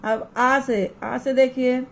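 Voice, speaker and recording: A woman teacher giving an online class lesson to young children, slowly and deliberately spelling out example words one by one. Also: high voice, flat delivery, creaky.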